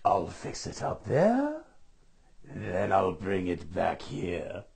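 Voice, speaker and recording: A man's voice: deep voice, wildly swooping pitch, takes it slowly, creaky, a little mellow, slight background noise, pitched below the performer's own voice, heavily acted. A man voicing a sly, mean, scheming storybook Grinch with a slick, drawling manner. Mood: oily, falsely sweet. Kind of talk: storybook character voice.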